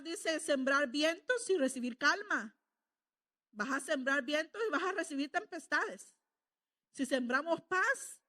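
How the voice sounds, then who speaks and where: Middle-aged woman preacher, high voice, homey conversational sermon. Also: bright, forceful tone. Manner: conversational, asks the congregation "¿verdad?".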